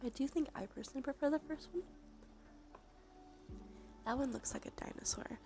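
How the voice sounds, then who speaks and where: A woman streams ASMR, speaking softly in a whispery, breathy, high-pitched voice into a close, sensitive microphone and slowly, gently repeating phrases to her live chat. Soft music plays behind her along with crinkling and brushing sounds.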